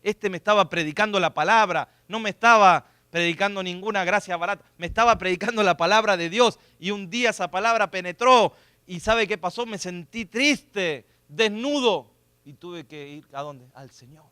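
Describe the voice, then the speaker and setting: A middle-aged male pastor preaches a sermon in a church. He moves from hushed personal storytelling to loud, emphatic preaching. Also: high voice, moderate pace, clear, resonant tone, no room sound, clean studio sound. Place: church sanctuary.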